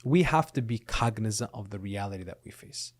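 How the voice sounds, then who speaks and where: A man's voice: fairly low pitch, lively intonation, a little fast. A middle-aged man, raised in Lebanon and the United States, speaking as a guest in a podcast interview. He explains his points earnestly and often checks in with "right?".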